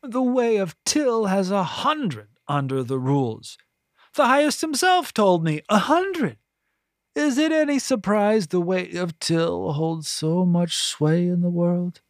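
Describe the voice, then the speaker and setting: A narrator voicing a pompous, bitter middle-aged woman high priestess who talks in a haughty, drawn-out sneer. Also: animated, no echo, clean studio sound. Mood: scornful.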